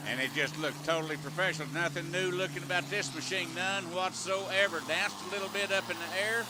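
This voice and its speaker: Guy doing tractor pull announcing, pretty high voice, down-home talk, super loud engine noise behind him. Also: fairly even intonation, fairly quick. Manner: folksy, colloquial, clipped phrasing. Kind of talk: folksy live sports commentary, tractor pull announcer. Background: roaring engines, outdoor vehicle noise.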